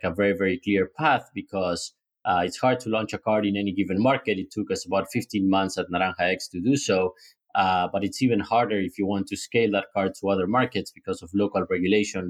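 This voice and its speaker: Low-voiced man explaining his business. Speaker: startup founder interviewed about his company. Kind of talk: conversational business interview.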